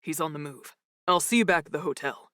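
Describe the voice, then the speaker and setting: A woman voicing a calm, wry man who speaks low and quiet. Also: fairly quick, no room sound, studio quality. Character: man, brother's best friend, calm and wry.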